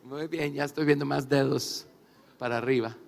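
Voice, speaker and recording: A man interpreting a religious talk aloud, phrase by phrase, with measured emphasis. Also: mid-range voice, steady tone, creaky. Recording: echoey hall, long reverb.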